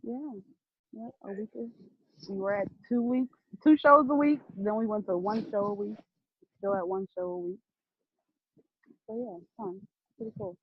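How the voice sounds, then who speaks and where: A woman's voice: mid-range voice, normal speed, pauses often, no room sound. A woman guest chatting casually about her podcast, laughing often and swearing freely. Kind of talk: casual interview chat. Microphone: video or phone call. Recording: tinny phone-like line.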